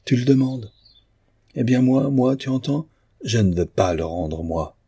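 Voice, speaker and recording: A man's voice: mid-range voice, measured pace, warm tone, breathy edge, no room sound, voice pushed up. A man voicing a bitter, mocking male painter in an audiobook of a novel. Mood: scornful. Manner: sneering, sarcastic.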